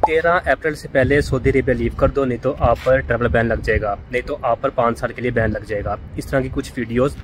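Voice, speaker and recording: A Pakistani man vlogs casually from Saudi Arabia, explaining things in a mid-range voice against slight background noise. His talk is conversational and repetitive, with English words mixed in.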